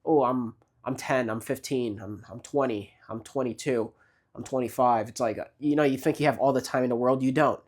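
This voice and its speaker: A man's voice: mid-range voice, fairly even intonation, moderate pace, a little mellow, husky. A man in his late twenties giving casual motivational advice, rambling with many fillers and restarts. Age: 20s. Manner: frequent restarts and repeated words. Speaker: vlogger.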